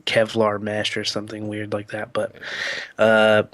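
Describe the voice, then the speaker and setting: A man's voice: lowish voice, measured pace, no echo. A man co-hosting a podcast, chatting casually and rambling with lots of fillers. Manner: relaxed, rambling, lots of "like" and "you know". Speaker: podcast co-host.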